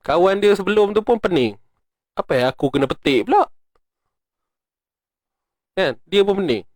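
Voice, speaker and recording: This expressive, high-voiced teacher is a middle-aged Malaysian man with a Malay accent, joking his way through an online lesson in Quran recitation. He practices each sound slowly, with no room sound in the clip.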